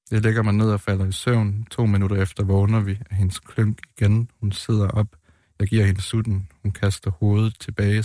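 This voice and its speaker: Man, middle-aged, very low voice, monotone, hesitant, dry close sound. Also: no room sound. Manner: hesitant, restarts, calm measured reading. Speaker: guest poet. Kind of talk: interview then reading poems aloud.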